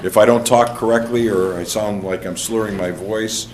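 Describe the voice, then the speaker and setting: Sick mayor chairing a meeting, far off. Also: male voice, fairly low pitch, normal speed. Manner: relaxed, joking, clears throat. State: under the weather, cold medicine. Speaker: mayor presiding over a council meeting. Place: council chamber. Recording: echoey room from far off with noise.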